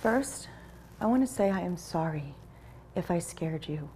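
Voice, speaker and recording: An actress playing a neighbour in a courtroom drama, with an informal, direct way of talking. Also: female voice, on the low side, animated, unhurried, dark tone, a little hiss or hum. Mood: apologetic. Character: hot-tempered female neighbour, later contrite. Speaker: actor playing a plaintiff. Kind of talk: acted courtroom drama dialogue.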